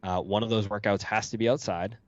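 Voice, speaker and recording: A man guest on a podcast, talking in a quick, matter-of-fact casual way. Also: on the low side, steady tone, no echo, dull audio.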